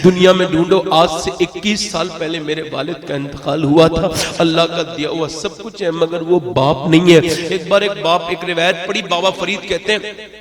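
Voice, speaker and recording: A man's voice: fairly high pitch, steady tone, normal speed. A man preaching an impassioned sermon full of stories, with emphatic delivery. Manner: impassioned, emphatic, rising to shouts. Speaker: Islamic preacher. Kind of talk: sermon with storytelling. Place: religious gathering. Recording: echoey hall sound.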